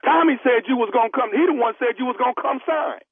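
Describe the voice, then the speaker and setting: A man's voice: very high voice, fast talker, gravelly, over a noisy crowd. A man making a radio prank call, pushy and needling as he plays a store clerk. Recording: tinny phone line on radio.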